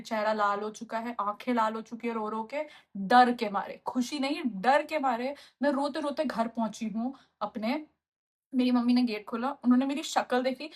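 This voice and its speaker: A young woman in her twenties tells a personal story to her viewers in a lively, expressive way. Her voice sits high, and she moves easily between Hindi and English as she talks. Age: 20s. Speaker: vlogger telling a personal story. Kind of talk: animated storytelling.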